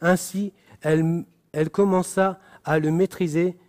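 A man reads a Bible passage aloud and comments on it like a preacher. His voice sits high and his pace is unhurried. He stumbles on words and corrects himself. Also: steady tone, a little mellow. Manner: slow, deliberate reading with frequent restarts and apologies.

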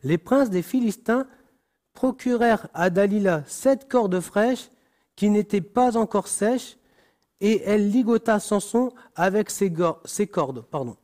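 A man reads a Bible passage aloud and comments on it like a preacher. His voice sits high and his pace is unhurried. He stumbles on words and corrects himself. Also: darkish tone. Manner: slow, deliberate reading with frequent restarts and apologies.

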